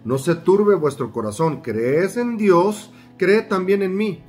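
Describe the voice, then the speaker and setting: A man's voice: high-pitched, slow pace, a little mellow, soft background music. A man preaching a sermon, reading scripture aloud, repeating phrases for emphasis and putting questions to his listeners.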